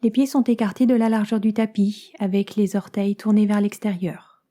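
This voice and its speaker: Guiding a yoga nidra meditation for relaxation, this female teacher speaks at a medium pitch. She pauses often, keeping things calm and soothing, and her soft phrases turn breathy toward their ends.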